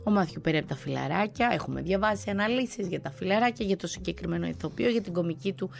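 A woman radio host talking casually in a conversational way, pausing on fillers and restarting words as she goes. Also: on the low side, lively intonation, gravelly. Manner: conversational, with frequent hesitations and restarts. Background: faint music.

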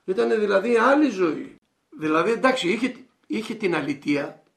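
An older man with a high, gravelly voice recalls the old days in earnest. He halts often and searches for words. His talk is full of fry. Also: animated. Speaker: interviewee. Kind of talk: nostalgic reminiscing.

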